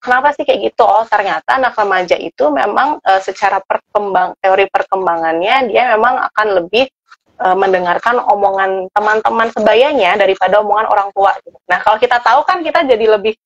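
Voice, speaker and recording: A woman speaks as a parenting guest in a relaxed, conversational way, often pausing on filler sounds. Her voice sits at a middle pitch. The recording is dull and dry. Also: dry recording. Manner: relaxed, full of "eh" fillers and "gitu" tags. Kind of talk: conversational interview explanation.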